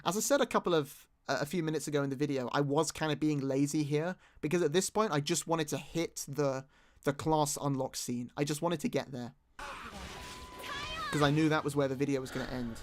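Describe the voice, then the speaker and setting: A British YouTube creator rewatches his own video and gives rambling, casual commentary, restarting sentences often and poking fun at himself. His voice is fairly high and a little fast, with slight background noise.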